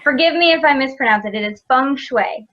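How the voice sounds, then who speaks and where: A woman's voice: high-pitched, lively intonation, rapid-fire. Upbeat woman host, lo-fi sound. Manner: upbeat and enthusiastic. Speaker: podcast host. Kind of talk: interview hosting. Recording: dull lo-fi sound.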